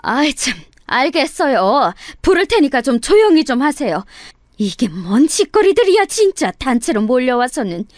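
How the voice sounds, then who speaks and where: A woman's voice: on the high side, animated, normal speed, a little mellow, no echo, clean studio sound, close to an everyday voice. A woman voicing a rude older mother-in-law who grumbles and coaxes with excuses. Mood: irritated. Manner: grumbling, coaxing.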